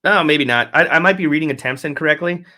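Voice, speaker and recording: A man's voice: fairly high pitch, quick pace, pushed and bright. A man hosting a casual solo fantasy football recap, rambling, swearing constantly and correcting himself. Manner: profane, rambling, self-correcting. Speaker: fantasy football podcast host.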